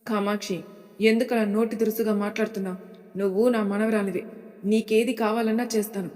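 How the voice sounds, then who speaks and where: Gentle old grandmother, read by a woman. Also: medium pitch, little pitch movement, brisk, big-room sound, close to an everyday voice. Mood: calm. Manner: soft, reasonable, reassuring.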